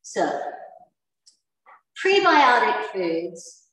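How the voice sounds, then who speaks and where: A woman's voice: medium pitch, very animated, drawn-out words, a bit bright, far from the mic. An older woman, a chef, giving a chatty, emphatic community TV talk on healthy eating, with an American accent. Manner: chatty, emphatic, repeats for stress. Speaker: cooking instructor. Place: indoor community center room with posters. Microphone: far camera, no visible mic. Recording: roomy echo, voice off-mic.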